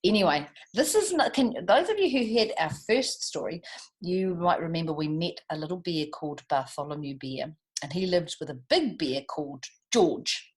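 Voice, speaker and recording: This woman's lowish voice has lively intonation and moves at a normal speed. She hosts a children's storytime, reading aloud animatedly and talking with young listeners through questions and asides.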